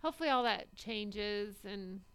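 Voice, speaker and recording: A woman chatting casually as a podcast co-host, supportive and quick to agree and laugh along. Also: medium pitch, animated, fairly bright tone, smooth. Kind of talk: casual chat.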